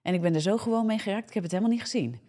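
A woman preaches very fast in a warm, medium-pitched voice with a Dutch accent, giving a fervent live social media sermon in a morning broadcast. She frequently checks in with "ja?" and keeps restarting and correcting herself.

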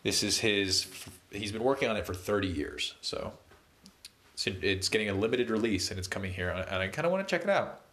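A man with a fairly low voice talks like he's stuffed up from allergies, nasal and a bit tired. He rambles through his day in a relaxed, slangy way, the casual tone of a vlog recap. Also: a little fast. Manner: laid-back, rambling, slangy. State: stuffed up, congested nose. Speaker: vlogger.

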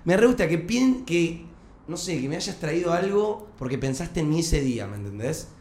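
A man's voice: fairly high pitch, expressive, moderate pace, a little mellow, reverberant. A young man with a Rioplatense Spanish accent, chatting casually and animatedly as a podcast co-host, full of slang. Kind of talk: casual chat.

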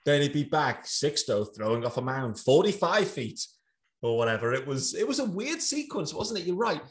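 A man's voice: fairly high pitch, sing-song, normal speed. A man hosting a podcast, chatting casually and handing the talk to his co-hosts. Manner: conversational, hands off to co-hosts. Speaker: podcast host. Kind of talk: casual chat.

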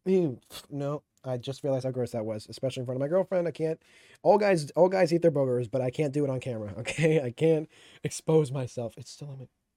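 A man's voice: medium pitch, fast talker, warm tone, dry recording, clean studio sound. Giggly young man rambling on a podcast. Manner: rambling, giggly, self-interrupting. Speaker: podcast host. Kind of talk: casual chat answering listener questions.

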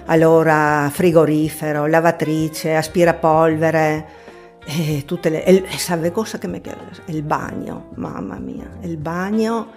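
Old lady from trieste, 80s, kinda low voice, rambles away in triestine dialect. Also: steady tone, slow, darkish tone. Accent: Triestine, north-eastern Italian dialect. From Trieste, Italy. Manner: rambling, conversational. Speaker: interviewed grandmother. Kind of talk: casual interview chat, dialect mixed with Italian. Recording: music under the voice.

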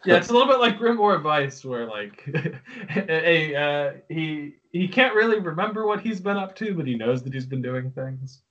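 A man's voice: fairly high pitch, animated, moderate pace, fairly bright tone, muffled recording. A man co-hosting a podcast in casual chat, rambling and joking as he talks through a game's characters. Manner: rambling, self-interrupting, joking. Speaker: podcast co-host.

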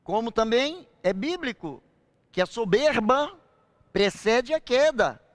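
An older man preaching a sermon, slowing down and swelling on key phrases. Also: very high-pitched, expressive, no echo.

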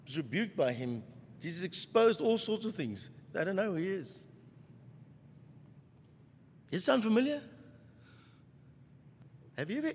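Animated preacher in a reverberant hall. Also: male voice, a little high, breathy edge. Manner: animated, with many rhetorical questions. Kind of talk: sermon.

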